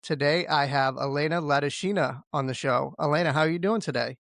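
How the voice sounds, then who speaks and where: A man's voice: on the high side, fairly quick, creaky, fairly bright tone, no echo, clean studio sound. A man hosting a podcast interview, friendly and loose, with many "you know" fillers. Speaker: podcast host.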